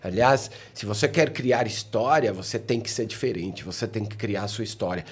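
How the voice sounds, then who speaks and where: A man's voice: on the low side, normal speed, husky. A middle-aged man from Chile, a mountaineering guide chatting as a podcast guest, often ending phrases with tag questions. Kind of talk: casual podcast conversation.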